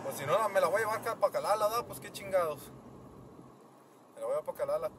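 A man's voice: high voice, lively intonation, fast. A man in his thirties with a Mexican accent, chatting casually as a vlogger in slangy, sweary Chicano-style street talk. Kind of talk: casual vlog chat. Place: truck cabin and snowy outdoors at night. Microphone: handheld phone at arm's length. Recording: noisy handheld, car and outdoor noise.

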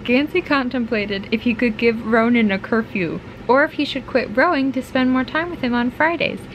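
A young American woman in her bedroom at home records a casual, reflective vlog about books, talking informally to camera. Her pitch is fairly high and her pace moderate; the recording is low quality, with clear ambient room noise.

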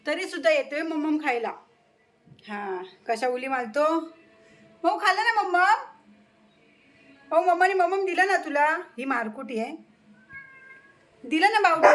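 A woman's voice: high voice, heavy background noise. A woman at home feeding her cat and dog, coaxing and scolding them in cooing baby talk, then greeting her viewers. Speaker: vlogger feeding her pets. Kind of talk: casual home vlog.

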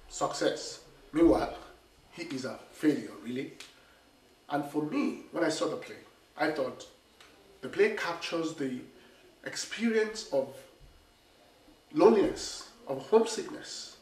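A playwright and director in his forties talks straight to the camera about his play from a small theatre stage, his slightly high voice nasal from a cold. He tells it animatedly, gesturing with his hands, while a camera mic a few metres away picks him up off-mic in an echoey room.

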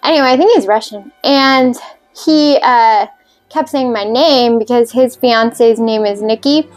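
A woman's voice: fairly high pitch, unhurried, faint music behind. A woman hosting a cocktail video, talking casually and rambling with fillers while she mixes drinks. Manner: chatty, rambling, self-deprecating with fillers.

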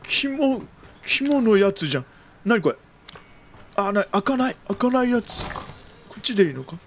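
A video game streamer gives jumpy let's-play commentary on a horror game, rapidly repeating exclamations and using old-man turns of phrase. His voice is high and sing-song, with slight background noise.

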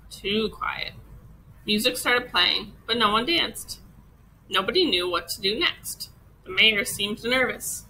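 Bright-voiced teacher reading aloud. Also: female voice, mid-range voice, a little hiss or hum, poor audio. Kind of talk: children's storybook read-aloud.

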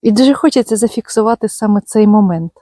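A woman's voice: mid-range voice, fast talker, mellow, no echo. A woman hosting a gardening channel, chatting fondly and casually outdoors in her garden, full of tender diminutives. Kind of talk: casual garden walk-and-talk.

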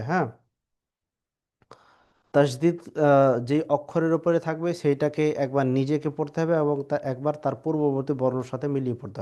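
A man teaching Quran reading, spelling out Arabic letters syllable by syllable in slow, drawn-out drills. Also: fairly high pitch, dark tone.

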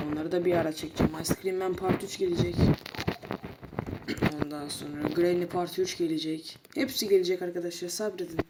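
A woman giving casual commentary on a horror game, chatting to her viewers and bursting out loudly at sudden moments. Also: lowish voice, very noisy. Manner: chatty, talks to viewers, sudden loud outbursts. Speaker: gaming channel host.

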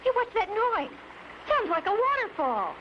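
A woman voicing an eager, easily worried young boy sidekick in a cartoon, sounding anxious and excitable. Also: extremely high pitch, measured pace, full character voice. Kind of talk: 1950s cartoon voice acting. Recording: dull lo-fi soundtrack with loud noise.

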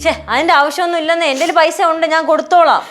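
A woman's voice: very high voice, fairly even intonation, rapid-fire, a bit bright, faint music behind. An actress playing a caring young woman who coaxes and reassures a crying friend in a TV sitcom. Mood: coaxing. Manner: coaxing, insistent. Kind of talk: sitcom acting.

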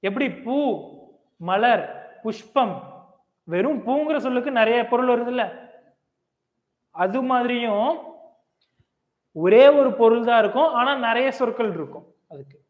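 Male teacher with a high voice who drills a class with quick questions, heard in a boomy hall on a thin, phone-like recording. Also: lively intonation. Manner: quizzes students, repeats key phrases. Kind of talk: classroom grammar lecture. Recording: echoey, tinny lo-fi hall recording.

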